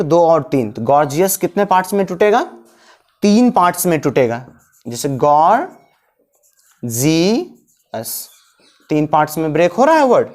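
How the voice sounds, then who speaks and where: A woman's voice: fairly low pitch, a little mellow. A woman teaching an English lesson step by step, asking questions and answering them herself. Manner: explains step by step, asks and answers own questions. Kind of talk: classroom-style grammar lesson.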